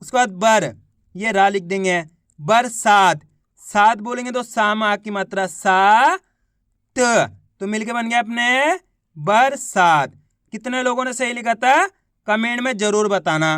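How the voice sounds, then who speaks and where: A man gives a beginners' reading lesson, sounding out each word one syllable at a time and stopping to quiz the listener. His delivery is slow and unhurried, and his voice comes through smooth and crisp. The sound is close and dry. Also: high-pitched, a bit bright, dry recording. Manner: sounds out words syllable by syllable, asks the viewer questions. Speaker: teacher.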